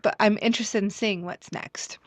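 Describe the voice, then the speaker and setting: A woman's voice: medium pitch, steady tone, moderate pace, dry recording. Female radio host, encouraging, loose rambling questions, dry studio sound. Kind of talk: radio interview.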